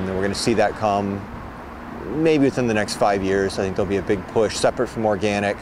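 A middle-aged man, a meat producer, giving steady, thoughtful interview answers outdoors. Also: lowish voice. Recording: outdoor street noise.

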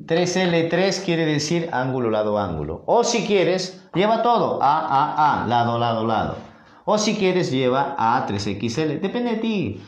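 A man with a Peruvian accent teaching a geometry review lesson at a whiteboard, playful and coaxing with his students. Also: fairly high pitch. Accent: Peruvian Spanish. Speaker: math teacher. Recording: roomy echoey room sound.

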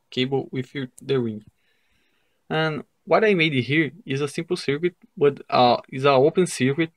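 Slow, halting man with a Brazilian accent. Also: medium pitch, rough recording. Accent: Brazilian Portuguese. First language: Portuguese. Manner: halting, careful non-native English with pauses and restarts. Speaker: science fair project demonstrator. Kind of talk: step-by-step how-to explanation. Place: indoors at a wooden table.

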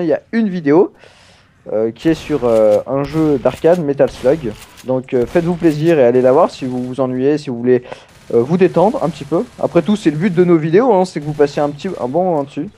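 Young man, playful gaming chatter, slightly high, mellow tone. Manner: playful, chatty, teasing, with many fillers. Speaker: gaming channel host. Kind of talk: casual let's play chat.

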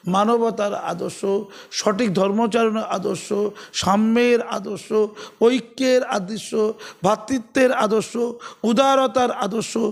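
A political commentator with a high, creaky voice delivers heated talk laced with sarcasm and rhetorical questions. As he goes on, he grows loud and forceful.

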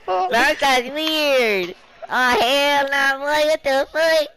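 A young man talking with a squeaky, high voice from inhaled helium, goofing around with friends. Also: very slow. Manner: goofy, swearing, laughing at his own voice. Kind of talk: casual chat among friends. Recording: loud background noise.

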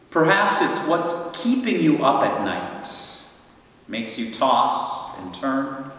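Delivering a Good Friday homily, a priest with a medium-pitched male voice moves slowly and reflectively, guiding his listeners through long pauses. The setting is a large, echoing church sanctuary. He is recorded from a distance by a far-off stand mic and camera, with spacious reverb around him.

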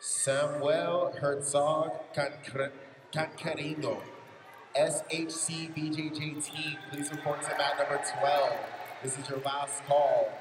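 A man's voice: fairly high pitch, level tone, slow, music in the background. A man making urgent tournament calls over a PA system, repeating names and last calls in a large indoor arena. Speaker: tournament announcer. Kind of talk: public address calls. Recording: echoey PA in a big hall, from far off, noisy.

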